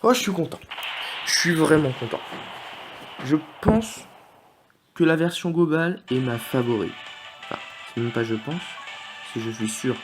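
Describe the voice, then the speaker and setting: A man giving live commentary on his game pulls in an excitable, joking way, often swearing and talking straight to his viewers. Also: on the high side, a little slow, pauses often, music in the background. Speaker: gaming video host. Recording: clear background noise.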